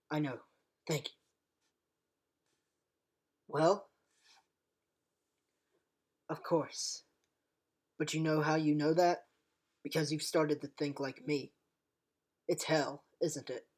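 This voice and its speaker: A woman's voice: low voice, breathy edge, exaggerated voice. A woman playing an impassioned war veteran pleading for peace in a theatrical, rousing dramatic monologue. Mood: quiet, sorrowful. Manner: theatrical, swinging from hushed to shouted. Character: impassioned, unforgiving-yet-forgiving time-traveller war veteran pleading for peace.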